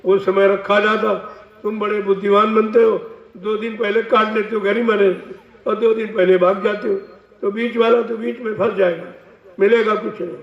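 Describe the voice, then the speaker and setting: A man's voice: sits high, level tone, normal speed, vocal fry. A man giving a devotional sermon as a spiritual teacher, warning and admonishing his listeners. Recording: echoey, distant, dull lo-fi.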